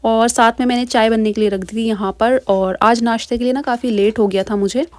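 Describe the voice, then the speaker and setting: A woman's voice: a little high, steady tone, a little mellow, dry recording. Chatty young woman vlogging, dry close mic. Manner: chatty, fast, asks viewers directly. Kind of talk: casual vlog voice-over.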